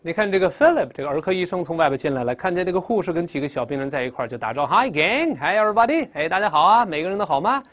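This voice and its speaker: Guy teaching english vocab, super lively up-and-down voice, drills words out loud. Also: on the high side, rapid-fire, hardly any pauses. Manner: animated, drills words aloud with exaggerated sounds. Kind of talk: classroom vocabulary lesson.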